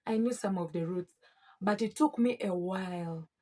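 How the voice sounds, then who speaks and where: A woman's voice: medium pitch, moderate pace. A young adult woman with a Ugandan East African English accent, chatting casually and emphatically to her viewers in a vlog. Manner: emphatic, expressive, often addressing listeners as friends. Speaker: vlogger.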